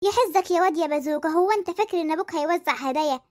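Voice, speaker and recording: High shrill egyptian cartoon mom, someone voicing her, teasing and gossipy, talks quick. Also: darkish tone. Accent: Egyptian Arabic. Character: nosy doting Egyptian mother, middle-aged woman. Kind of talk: cartoon voice acting.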